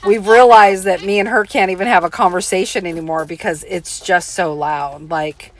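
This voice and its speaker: A woman chatting casually as a parent, excitable and quick to laugh, asking her partner questions. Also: fairly low pitch. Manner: excitable, laughs often, animated. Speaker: parent and interviewer. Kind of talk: casual chat.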